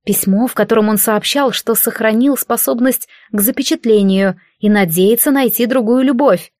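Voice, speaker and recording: A woman reading the lines of a composed female temple guardian, quiet and steady in an audiobook. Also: fairly high pitch, normal speed, no echo, studio quality, lightly acted. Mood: firm.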